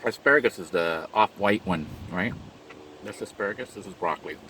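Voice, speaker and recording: Deep voiced guy eating in his van, talks slow and detailed about the food, lots of background noise. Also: pushed and bright, poor audio. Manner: unhurried, chatty, describing food in detail. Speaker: vlogger. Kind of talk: mukbang eating commentary. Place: inside a parked van.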